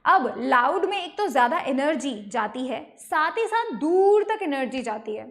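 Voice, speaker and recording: A woman's voice: sits high, very animated, moderate pace. A young woman with an Indian accent giving an online science lecture, mixing Hindi and English and often checking in with her students. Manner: mixes Hindi and English, checks in with "ठीक है?" and "right?". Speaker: teacher.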